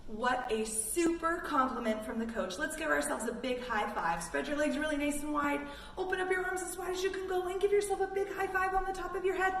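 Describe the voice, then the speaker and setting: A brisk, high, somewhat bright voice comes from a woman from Canada leading children in a picture-book read-along and yoga, offering simple, encouraging cues. The room recording has roomy echo, background noise and a distant mic.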